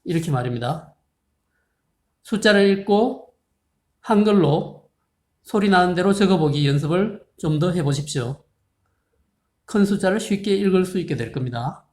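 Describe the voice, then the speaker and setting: A patient math teacher leads a recorded video lesson at a slow, unhurried pace, reading numbers aloud one digit at a time. His middle-pitched voice is polite, formal, a little mellow and lively in intonation, and he often stops to pose a question. The room gives the recording a roomy echo.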